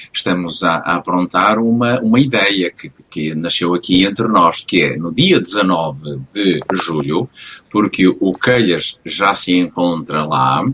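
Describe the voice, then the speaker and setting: A man's voice: low-pitched, a bit bright, slight background noise. A man hosting a casual radio interview, talking hesitantly with frequent fillers and restarts. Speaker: radio host.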